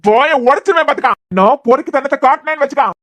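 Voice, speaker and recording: Angry young cartoon student, threatening and quick-tempered, Kanyakumari Tamil accent, voiced by a woman. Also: high-pitched, dry recording, lightly acted. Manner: threatening, shouting insults. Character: hot-headed 21-year-old male college student. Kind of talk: cartoon web series voice acting.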